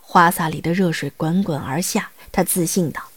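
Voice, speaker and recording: A woman's voice: fairly low pitch, moderate pace, husky, no room sound. A woman reading scripted narration as the narrator of a dramatised audiobook.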